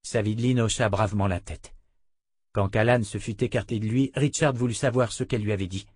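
A man narrating a fantasy novel in measured storytelling style. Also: lowish voice, fairly even intonation, a little mellow, slightly rough, dry recording. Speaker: audiobook narrator. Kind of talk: scripted narration.

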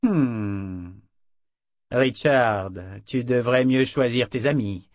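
A man's voice: medium pitch, very slow, dry recording, clean studio sound. A man voicing an arrogant, cold older brother who serves as first counselor, speaking haughtily. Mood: haughty. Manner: haughty and icy.

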